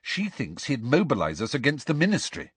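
A man voicing an earnest, bossy teenage girl student who talks briskly and a little impatiently. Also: mid-range voice, wildly swooping pitch, slightly rough, no room sound, pitched above the performer's own voice.

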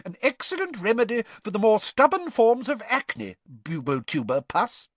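A brisk, no-nonsense woman teacher fills the storybook with bossy orders, as a male reader voices her. The voice sits far above a man's natural register and swings widely in pitch. It is close and dry, with no room around it. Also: huge pitch swings, no echo, full character voice. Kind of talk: audiobook character voice.

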